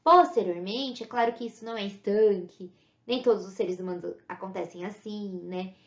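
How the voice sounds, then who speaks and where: Brazilian woman teacher, gravelly edge, lecture-style explaining, roomy muffled recording. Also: mid-range voice, moderate pace. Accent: Brazilian Portuguese. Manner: explanatory, frequent "né?" tag questions. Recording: echoey room, dull lo-fi sound.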